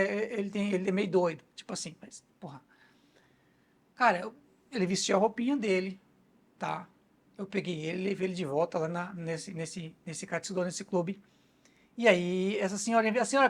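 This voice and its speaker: A man's voice: high voice, a bit bright. Brazilian guy vlogging from home, chatty and fired up, keeps asking "right?". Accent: Brazilian Portuguese. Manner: indignant, chatty, frequent tag questions. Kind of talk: casual storytelling to camera. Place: home in Japan.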